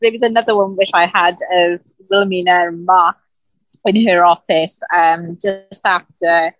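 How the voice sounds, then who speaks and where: A woman's voice: fairly low pitch, steady tone, moderate pace, a bit bright, no room sound, lo-fi sound. A woman co-hosting a podcast, chatting casually and laughing often as she reads out favourite quotes. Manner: giggly, reads out quotes from notes. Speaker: podcast co-host. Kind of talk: casual chat.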